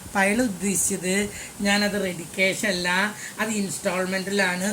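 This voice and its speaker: An older man teaches maths by telling a rambling personal story. His voice sits fairly high for a man, and he talks in a relaxed, chatty way, dropping English phrases into his sentences. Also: normal speed, slight background noise. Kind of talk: classroom lesson told as a personal story.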